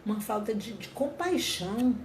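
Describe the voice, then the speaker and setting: Fairly high-pitched and animated, a woman talks at moderate speed about mental health to her viewers, in an earnest, reflective way that often repeats and rephrases itself. There's echo and faint ambient noise in the recording.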